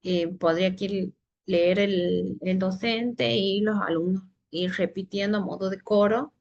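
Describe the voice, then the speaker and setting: A woman giving a teacher training presentation on reading, explaining in steps with frequent "eh" pauses and restarts. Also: mid-range voice, fairly even intonation, creaky, darkish tone, highs cut off, a little hiss or hum. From Santiago del Estero, Argentina.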